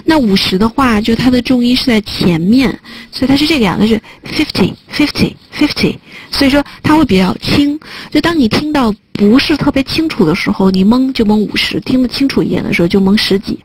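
A woman's voice: fairly high pitch, expressive, fast talker, slightly rough, poor audio. A woman teaching a test prep listening class online, chatting and joking as she types notes on a whiteboard. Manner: chatty, joking aside while typing on a whiteboard.

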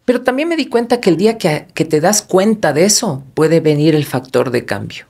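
Un hombre invitado en un podcast, que habla con pasión y énfasis y suelta groserías a menudo. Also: male voice, a little high, lively intonation, brisk, vocal fry, a little mellow, breathy edge. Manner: passionate, emphatic, swears often. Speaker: podcast guest. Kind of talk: emotional podcast conversation.

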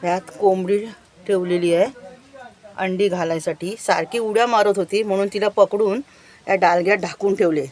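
A woman's voice: mid-range voice, steady tone, normal speed, darkish tone. Chatty village woman. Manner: chatty, keeps pointing things out to viewers. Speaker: village vlogger. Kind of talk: casual walking-tour vlog. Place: outdoors around a village house and yard.

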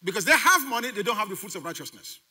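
A man's voice: high voice, big pitch swings, racing, bright, forceful tone. A man preaching a sermon as pastor, emphatic, quizzing the congregation and repeating key phrases for emphasis. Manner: emphatic preaching with call-and-response questions to the congregation.

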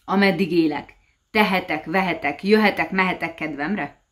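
A woman voicing a gruff, grumbling fisherman who answers curtly and cannot be ruffled, in a storybook tale. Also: lowish voice, lightly acted. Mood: sly. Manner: gruff, curt replies. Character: gruff grumbling middle-aged fisherman, unflappable.

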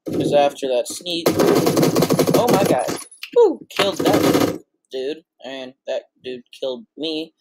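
A teenage boy with a voice that is breaking, casually commentating his own gameplay with excitable, blurting reactions. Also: a little high, slow pace, pauses often. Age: teens. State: voice cracking. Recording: noisy, with mouse clicks.

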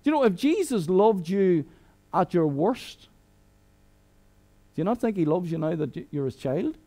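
A man's voice: high voice, big pitch swings, normal speed, mellow. Chatty Irish man preaching a sermon. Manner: conversational and humorous, with many restarts. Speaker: guest preacher.

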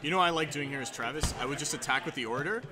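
Relaxed male commentator, analytical, crowd noise. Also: on the high side, racing. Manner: relaxed and analytical, many "yeah" and "yep". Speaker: game commentator. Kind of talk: casual live card game commentary. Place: game store with crowd behind. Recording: crowd chatter in background.

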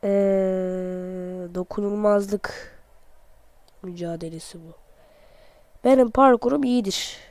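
A man narrates his game in a lighter, higher voice than most men, with no rush in his words. He is sick, so his voice sounds a little off, but he stays playful and excitable, laughing at himself. The sound is close and dry. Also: slow pace, long pauses, dry recording. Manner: playful, excitable, jokey, talks to himself while playing; self-mocking. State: voice off from being sick. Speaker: gamer, channel host. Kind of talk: excited let's-play commentary.

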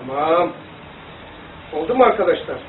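Male religious teacher, high voice, rambling and animated, distant tinny phone-like recording. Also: moderate pace, slight background noise. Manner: rambling, animated, demonstrating to listeners. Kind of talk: informal religious lesson. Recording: echoey room, distant phone-like mic.

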